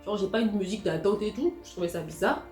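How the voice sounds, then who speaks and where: A woman vlogger telling a story in an animated, slangy, indignant way. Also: medium pitch, quick pace, soft background music. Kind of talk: storytime vlog. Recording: roomy echo.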